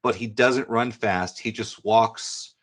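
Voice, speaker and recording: A man from New tells stories in a podcast interview. His voice sits on the low side, and his delivery is chatty and animated. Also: slow. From New York. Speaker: guest comic book illustrator. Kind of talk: casual storytelling in a podcast interview.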